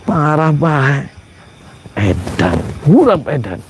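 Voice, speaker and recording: A man's voice: fairly high pitch, sing-song, takes it slowly, slight background noise. A man giving a comedic monologue to camera as a shaman persona, mock-indignant and rambling with exasperated asides.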